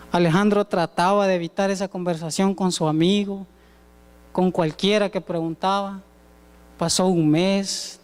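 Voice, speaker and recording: A man's voice: high voice, darkish tone, clear, resonant tone, long reverb tail. A young man preaching in church, telling a story and voicing its people's dialogue. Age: young adult. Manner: tells a story with acted quoted dialogue. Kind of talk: sermon storytelling. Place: church sanctuary.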